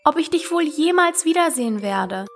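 A woman's voice: sits high, sing-song, moderate pace, fairly bright tone, soft background music, pitched above the performer's own voice. A woman voicing a curious, polite young girl who talks eagerly and earnestly.

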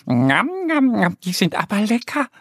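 A man doing a squeaky little duck girl. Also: sing-song, unhurried, husky, no room sound, clean studio sound, heavily acted. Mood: delighted. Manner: high squeaky childlike voice. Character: little female duck, curious and cheerful. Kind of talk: children's audiobook storytelling.

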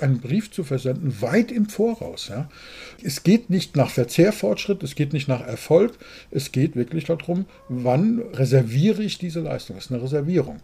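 Blunt, husky man. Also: mid-range voice. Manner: blunt, outspoken, animated storytelling. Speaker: business consultant, podcast co-host. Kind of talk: casual podcast conversation.

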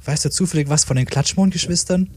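A man's voice: fairly high pitch, quick pace, slight background noise, pitched above the performer's own voice, natural voice. A man reading a storybook voices a foul-mouthed, irritable female daisy flower who craves her fix.

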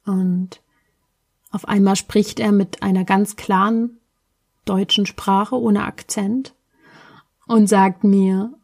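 A woman's voice: mid-range voice, fairly even intonation, slow pace, vocal fry, pauses often, darkish tone, breathy edge. Woman from Berlin telling a story. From Berlin, Germany. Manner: reflective, searching for words. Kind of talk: casual personal storytelling.

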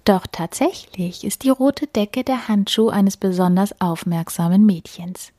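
A woman reading a bedtime story aloud, gentle and hushed, often dropping to a whisper. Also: medium pitch, measured pace, no echo, clean studio sound.

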